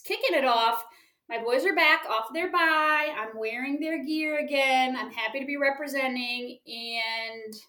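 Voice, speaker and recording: A woman's voice: high voice, pushed and bright. A woman co-hosting a sports podcast, chatting about her picks in an upbeat, casual way. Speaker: podcast co-host. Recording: echoey room.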